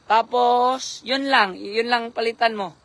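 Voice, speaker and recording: A hoarse man doing casual live-stream commentary on a night fishing trip, giving shout-outs and spelling names for viewers. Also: very high voice, fairly even intonation, slow pace, no echo. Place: outdoors at night by the water.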